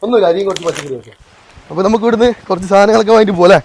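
A man's voice: high voice, very fast, background noise. A man with a north Kerala Malayalam accent, chatting casually as a vlog host, mixing in English slang and talking familiarly to viewers and locals. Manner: colloquial, with English slang words mixed in. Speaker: vlogger, host. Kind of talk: casual excited vlog chat with questions to locals. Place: outdoors by a river and in a boat.

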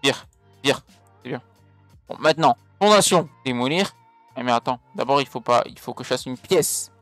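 A man's voice: medium pitch, normal speed, fairly bright tone, no echo. A man talks through his video game in casual, crude commentary, swearing freely and cracking jokes. His voice sits close and dry on the mic, with faint music playing underneath. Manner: crude, swears a lot, jokey. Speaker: gaming video creator. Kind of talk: casual let's play commentary.

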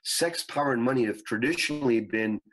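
A man speaking as a spiritual guru and coach in an interview, teaching earnestly in measured phrases. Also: mid-range voice, a bit bright, rough recording. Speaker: spiritual coach and retreat leader, guest. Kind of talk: interview talk, explaining teachings.

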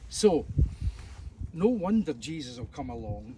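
This man from Scotland preaches a bit slowly, his higher voice swinging widely in pitch. Addressing a tour group outdoors at ancient ruins, he stays conversational with jokes and fillers, and a distant microphone picks up faint surrounding noise.

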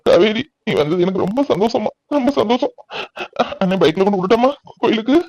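A man's voice: high voice, animated, brisk, no room sound. Man voicing a soothing kind brother. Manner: soothing, warm-hearted, reassuring. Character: kind brother comforting his crying sister. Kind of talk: cartoon voice acting.

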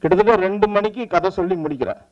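A man, a film director giving an animated press meet speech and acting out the lines he quotes. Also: high-pitched, very fast, highs cut off. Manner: animated storytelling, acts out quoted dialogue.

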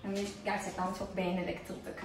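Fast-talking and monotone at a medium pitch, a vlogger in her twenties gives viewers a casual tour of empty apartment rooms. The camera or phone sits a few steps off, so the recording is distant and very echoey.

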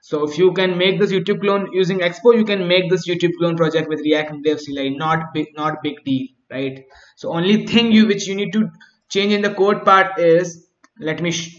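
In an echoey, dull home recording, a man teaches coding over his screen step by step. His fairly high voice holds a fairly even intonation at a moderate pace. Thinking aloud, he frequently restarts, fills pauses and asks "right?"

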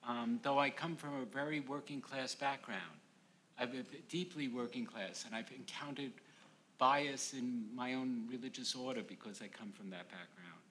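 An older male academic reflecting on a panel, halting and repeating words as he thinks aloud. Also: medium pitch, a bit bright, slight background noise, low-quality recording. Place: large event room, indoors. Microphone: microphone on a table stand.

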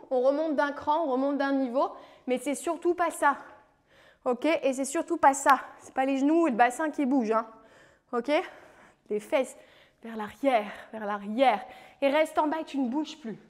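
A high-voiced woman from France leads a home leg workout as a fitness coach. She calls out moves, counts down reps and keeps the session light with playful encouragement. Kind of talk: guided home workout instruction.

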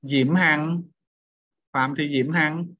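A man's voice: fairly high pitch, fairly even intonation, extremely slow, sharp tone. Male teacher, lo-fi. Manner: questioning students, repeats points. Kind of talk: online class lecture. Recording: dull lo-fi sound.

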